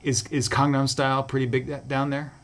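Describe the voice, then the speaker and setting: A man hosting a podcast in casual talk, chatty and jumping up loud and high when he addresses listeners or his guest. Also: level tone, fairly quick, vocal fry. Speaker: podcast host.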